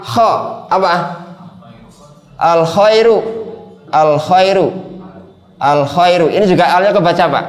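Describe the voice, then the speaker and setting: Male Arabic teacher, higher voice, patient and repetitive, echoey classroom. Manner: patient, repeats words, prompts students by name. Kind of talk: classroom lesson with students.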